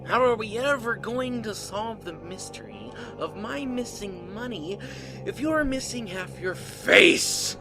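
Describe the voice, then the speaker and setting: A man's voice: sits high, expressive, measured pace, over music. A man playing a manic, gleeful clown supervillain in a comic-book audio drama, taunting theatrically with sadistic mock friendliness.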